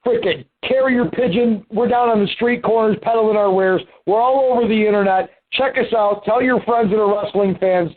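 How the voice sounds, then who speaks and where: A man hosting a wrestling podcast, chatting casually and pitching the show in an upbeat promo style. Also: moderate pace, hardly any pauses. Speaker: podcast host. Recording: tinny phone-line audio.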